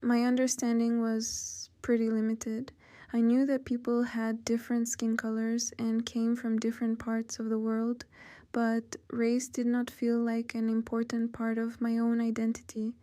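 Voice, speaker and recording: Flat-voiced Ukrainian woman in her fifties. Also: fairly high pitch, clean tone, no room sound, studio quality. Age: 50s. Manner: measured, plain and careful sentences. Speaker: interview guest. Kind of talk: oral history interview.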